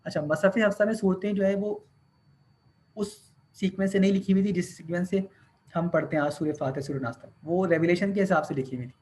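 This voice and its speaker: A man's voice: a little high, a little mellow, a little hiss or hum. A man teaching a class, explaining step by step, counting points aloud and mixing English terms into his speech. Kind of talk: classroom lecture.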